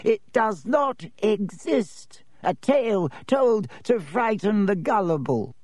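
A dry, reedy old ghost professor lectures slowly and testily, as a male narrator puts him on. The voice sits high and thin, with a dark, mellow tone and strongly rising and falling emphasis. Each word is clipped and drawn out with weary disdain. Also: big pitch swings, no room sound, full character voice. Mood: dismissive. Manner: slow, clipped, dismissive lecturing.

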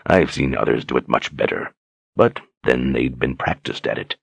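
A brutish, menacing male tyrant, put on by a man reading a storybook, speaks in a deep, grating voice dropped even lower than the narration. He taunts slowly and mockingly, savoring his power. The sound is dry and close, with no room around it. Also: gravelly, breathy edge, no echo, heavily acted. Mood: mocking menace. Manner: mocking, taunting, slow and deliberate.

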